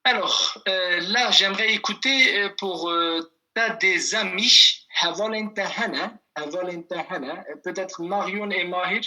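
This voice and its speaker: Calling on students by name and repeating phrases, a man runs a language class over video, his pace slow and patient. His voice sits high and sounds sharp.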